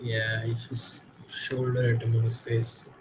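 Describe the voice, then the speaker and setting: A man's voice: mid-range voice, monotone, a little slow, a little hiss or hum, poor audio. Tired man reacting to a live match. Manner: frustrated, critical fan reactions. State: tired, yawning late at night. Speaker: football watchalong host.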